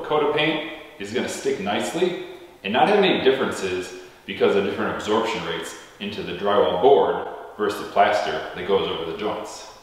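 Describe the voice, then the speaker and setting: A man, a custom home builder, giving an upbeat walkthrough vlog inside an empty, freshly painted house, his voice booming with a cave-like echo. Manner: upbeat, explanatory. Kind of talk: walkthrough vlog explaining construction. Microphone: camera-mounted mic. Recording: heavy cave-like echo in a bare room.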